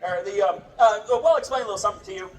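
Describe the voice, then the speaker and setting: Very fast and mid-range in voice, a sword swallower rattles off comic live patter to a festival crowd, playing the wry, joking showman for the onlookers. It's recorded from afar in a roomy space with crowd noise.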